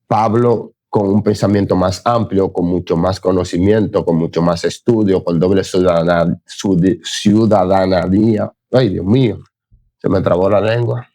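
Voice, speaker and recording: A man's voice: sits low, moderate pace, warm tone, no echo, studio quality. A man giving a recorded Bible lesson in an earnest, unscripted way, often praising God and stopping to correct his own slips. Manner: earnest, exclaims "Gloria a Dios", stumbles and corrects himself. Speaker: Bible teacher.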